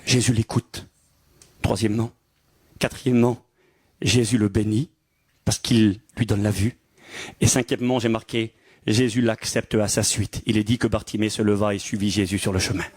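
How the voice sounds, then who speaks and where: A man preaching a sermon with lively, animated delivery, acting out the people in his stories. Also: on the low side, normal speed, long pauses, slightly rough, no room sound, studio quality. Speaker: pastor.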